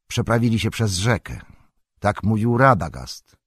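A man's voice: lowish voice, very animated, a little slow, slightly rough, dry recording, clean studio sound, full character voice. Man reading as a grave old wizard.

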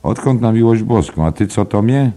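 Casting: male reader doing a brash, sneering pub mate, gravelly and loud, storybook. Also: very deep voice, measured pace, voice pushed up, full character voice. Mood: mocking. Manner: loud, mocking. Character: boisterous, scornful male drinking companion. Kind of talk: audiobook character voice.

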